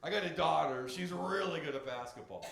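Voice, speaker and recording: A middle-aged man doing a stand-up comedy set, brash and profane with deadpan punchlines, on a club stage. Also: a little high, brisk, gravelly. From United States. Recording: roomy club with crowd laughter. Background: audience laughing.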